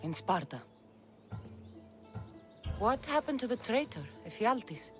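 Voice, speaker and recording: Blunt mercenary, lively intonation. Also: female voice, a little high, slow, faint music behind. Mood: skeptical, probing. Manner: direct, skeptical questioning. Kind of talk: dramatic video game cutscene dialogue.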